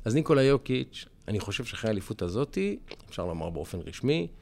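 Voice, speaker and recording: A man co-hosting a podcast, telling stories in an emphatic, animated way. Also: fairly low pitch, creaky, slight background noise. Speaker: podcast co-host. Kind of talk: casual chat.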